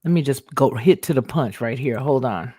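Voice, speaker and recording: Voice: medium pitch, warm tone, husky, no room sound. A livestream host talking casually, rambling and restarting sentences while reading viewer comments aloud and answering them. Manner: talks back to chat with quick affirmations.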